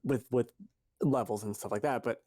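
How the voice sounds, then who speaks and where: A man's voice: mid-range voice, normal speed, warm tone, dry recording, clean studio sound. A man co-hosting a podcast in casual chat, rambling and correcting himself as he goes. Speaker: podcast co-host.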